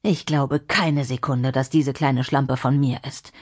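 A woman voicing a drunk, violent middle-aged man who snarls and hisses slowly in an audiobook. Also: extremely low pitch, fairly even intonation, darkish tone, pitched below the performer's own voice. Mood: menacing. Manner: snarling, hissing, slow and menacing.

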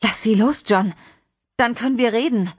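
A woman's voice: lowish voice, level tone, takes it slowly, dark tone, breathy edge, no room sound, studio quality. A woman voicing a middle-aged mother who speaks carefully and placatingly. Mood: pleading.

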